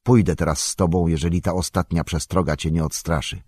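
A man voicing a sombre, haunted male ranger in an audiobook, speaking quietly and heavily. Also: deep voice, fairly even intonation, brisk, slightly rough, dry recording, studio quality. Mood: earnest. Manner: quiet, heavy. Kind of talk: audiobook character reading.

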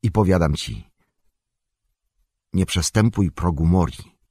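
A man voicing a sombre, haunted male ranger in an audiobook, speaking quietly and heavily. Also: low-pitched, lively intonation, takes it slowly, husky, no room sound, clean studio sound, full character voice. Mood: earnest. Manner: quiet, heavy. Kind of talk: audiobook character reading.

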